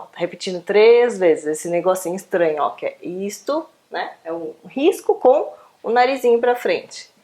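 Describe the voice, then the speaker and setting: A woman teaching a beginner Korean lesson online, patient and coaxing, checking in with questions constantly. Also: mid-range voice. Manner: patient, coaxing, asks questions with frequent tag words.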